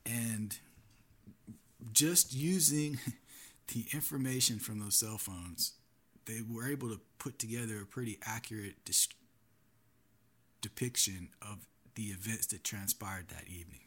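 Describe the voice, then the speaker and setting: Male solo podcast host, low and husky, earnest and cautionary delivery. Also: a little slow, pauses often, a bit bright.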